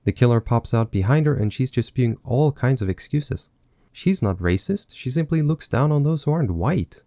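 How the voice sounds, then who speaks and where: A man's voice: mid-range voice, expressive, moderate pace, warm tone, no room sound. A man recapping a film with sarcastic, mocking asides. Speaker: film reviewer. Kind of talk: sarcastic movie recap commentary.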